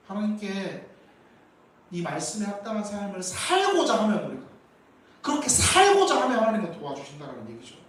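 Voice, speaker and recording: A man's voice: high-pitched, huge pitch swings, a little fast, a bit bright. A man preaching a Sunday sermon as pastor, emphatic and full of rhetorical questions, in a church sanctuary. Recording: echoey church hall, from far off, faint noise.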